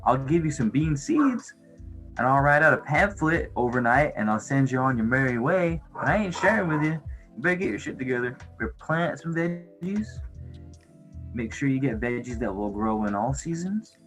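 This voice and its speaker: A man's voice: medium pitch, expressive, moderate pace, fairly bright tone, faint music behind. A man hosting a casual livestream, rambling in a laid-back, slangy stoner way with some swearing. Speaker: livestream host chatting with viewers.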